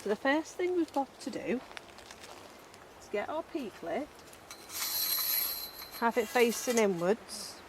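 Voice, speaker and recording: A woman's voice: fairly high pitch, very animated, takes it slowly, pauses often. Scouse woman vlogging outdoors with background noise. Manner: chatty, blunt and self-deprecating. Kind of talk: casual how-to narration. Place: outdoors in a rural garden. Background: cows and a passing plane.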